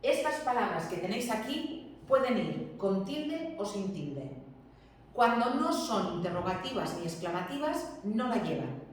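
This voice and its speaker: A woman's voice: medium pitch, sing-song, unhurried, a little hiss or hum. A woman, a teacher giving a classroom lesson, explaining patiently and often checking that students follow. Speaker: Spanish teacher. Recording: very echoey room, distant mic.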